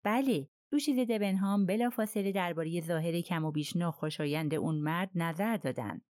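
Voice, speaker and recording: A curt, stiff English army colonel who answers in short, cold sentences, as a woman reading a detective novel voices him. The voice sits a little low, and the recording is dry and close. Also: a little mellow, no echo, lightly acted.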